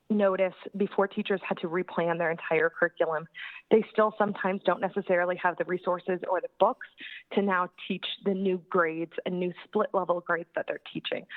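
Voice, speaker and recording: A woman's voice: on the low side, no room sound. Woman speaking over a tinny phone line. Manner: earnest, halting with ums. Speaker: parent giving public comment. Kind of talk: public testimony at a meeting.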